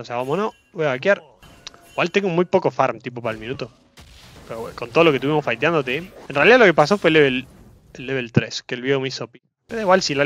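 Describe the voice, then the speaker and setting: Excitable Rioplatense man streaming gameplay. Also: fairly high pitch. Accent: Rioplatense Spanish. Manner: excitable, repeats phrases, swears casually. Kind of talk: live gameplay commentary.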